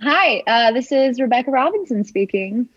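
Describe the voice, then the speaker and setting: A woman's voice: fairly high pitch, animated, normal speed, a bit bright, no echo, highs cut off. A woman guest on a podcast, joking in a dry way, speaking over a remote call. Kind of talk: casual chat.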